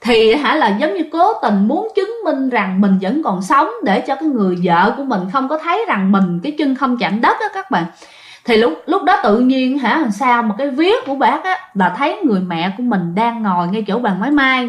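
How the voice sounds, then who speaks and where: A woman's voice: a little high, sing-song, fairly quick. A woman telling a ghost story in a chatty way, talking straight to her listeners. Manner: chatty, addressing listeners directly. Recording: echoey room.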